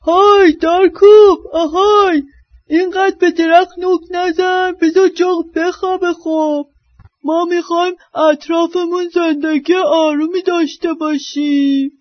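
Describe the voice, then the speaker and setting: A woman voicing a big gruff bear in a storybook, shouting slow, commanding orders. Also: extremely high pitch, steady tone, no echo, lo-fi sound, voice pushed up.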